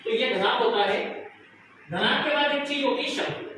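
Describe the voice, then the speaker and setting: A man's voice: very high-pitched, normal speed. A male teacher giving a classroom lesson, asking the pupils questions and answering them himself. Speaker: math teacher. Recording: echoey room, noisy, from far off.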